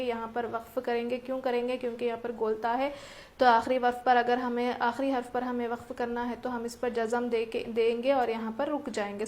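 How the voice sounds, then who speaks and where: Woman recitation teacher, higher pitch, even delivery; methodical tajweed lesson. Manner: explains rules step by step, asks and answers own questions.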